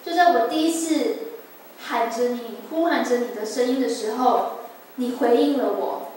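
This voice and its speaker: A woman's voice: fairly high pitch, moderate pace, darkish tone. Earnest young woman in echoey church. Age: 20s. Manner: earnest, emotional storytelling. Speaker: church member giving testimony. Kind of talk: personal church testimony. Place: church sanctuary. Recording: echoey church hall, distant mic, faint noise.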